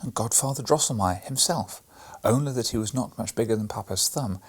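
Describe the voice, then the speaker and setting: Reading aloud for a bedtime audiobook, this man tells a classic children's story in a soft, frequently breathy and whispered delivery. His voice sits lowish and the pace is fairly quick.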